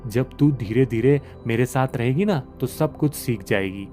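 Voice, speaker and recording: A man's voice: medium pitch, measured pace, dark tone, faint music behind, lightly acted. A man voicing a scolding, demanding older mother-in-law in a devotional story, nagging and belittling. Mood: angry scolding. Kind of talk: acted quotes in devotional storytelling.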